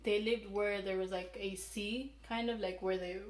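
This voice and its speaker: Young woman from Palau, medium pitch, casual storytelling, halting and rambling, roomy echo, some background noise. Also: steady tone. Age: young adult. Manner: halting, rambling, self-correcting delivery. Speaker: mukbang vlogger telling a folk legend. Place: small room indoors, seated at a table.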